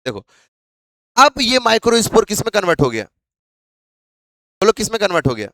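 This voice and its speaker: A man's voice: sits high, sing-song, brisk, sharp tone, dry recording. A male biology teacher lecturing a class, asking questions over and over to drill his students.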